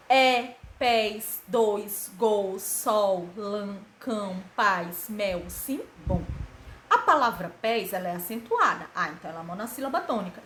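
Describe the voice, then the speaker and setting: A woman teaching a grammar lesson to children, with a slightly high voice that swings widely in pitch. She talks in a patient, didactic way, posing questions and answering them herself and drawing out syllables to show stress. The recording sounds echoey, as if made in a bare room. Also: fairly bright tone, a little hiss or hum. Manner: didactic, asks and answers her own questions, stretches syllables for emphasis. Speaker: schoolteacher.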